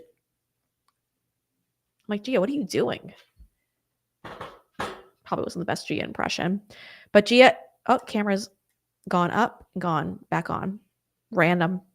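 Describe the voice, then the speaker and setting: A young woman hosting a live stream, chatting casually and rambling through viewer comments with quick apologetic asides. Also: medium pitch. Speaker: host of a political live stream.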